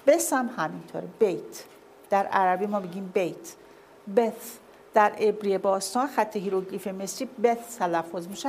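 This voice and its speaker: A woman's voice: medium pitch, darkish tone, slight background noise. A woman giving a classroom lecture with slides, often asking her listeners whether they see and follow.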